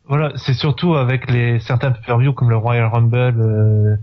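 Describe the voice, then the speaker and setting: A man answers in a hesitant, halting way on a podcast. His voice sits at a middle pitch. The sound is dull and lo-fi. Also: fairly even intonation. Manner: hesitant, halting, many restarts. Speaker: podcast guest. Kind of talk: casual podcast discussion.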